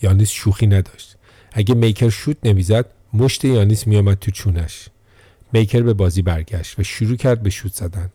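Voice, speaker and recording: Low, dark-voiced man narrating a story. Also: no room sound. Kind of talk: scripted narration of a sports biography.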